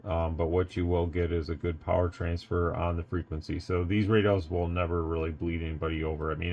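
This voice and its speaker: An American man who owns a radio shop and reviews products gives a casual hands-on review, explaining in a rambling, matter-of-fact way. His voice sits low with a darkish tone.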